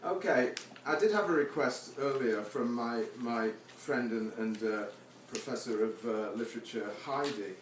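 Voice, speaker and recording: Speaking at a moderate pace with hardly any pauses, a man with a mid-range voice reads his own poetry at a live venue. His casual introductions show a wry, self-deprecating sense of humour, and the distant recording captures an echoey, noisy room with seated listeners.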